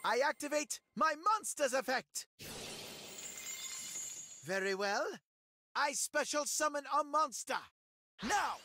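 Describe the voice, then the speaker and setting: Really high creaky anime villain duelist, gloating n imperious, theatrical taunts. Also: male voice, expressive, takes it slowly, pauses often, bright, forceful tone, slight background noise, heavily acted. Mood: assertive. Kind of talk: anime card game voice acting.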